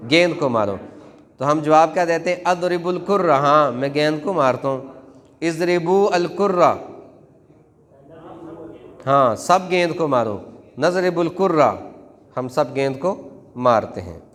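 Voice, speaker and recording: A man's voice: a little high, animated, unhurried, long pauses. A man teaching a Quran class in a mosque, chanting verb conjugations in a rhythmic classroom drill. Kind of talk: classroom Arabic grammar drill. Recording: long hall reverb.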